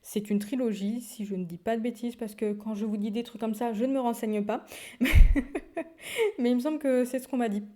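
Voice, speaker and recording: Chatty woman vlogger with a mellow voice. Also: on the high side, fairly even intonation, quick pace, hardly any pauses. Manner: chatty, many fillers and restarts, frequent laughs. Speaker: book vlogger. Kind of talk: casual chat.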